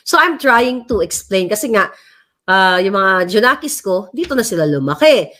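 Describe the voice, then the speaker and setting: A middle-aged woman from the Philippines with a Filipino accent, vlogging rambling, impassioned political commentary and switching between English and Tagalog. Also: mid-range voice. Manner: impassioned, emphatic.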